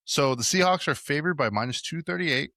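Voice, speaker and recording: A man's voice: a little high, expressive, a little fast, pushed and bright, dry recording, clean studio sound. A young man hosting a casual sports podcast, talking loosely with lots of fillers and restarts. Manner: rambling, many fillers. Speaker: podcast host.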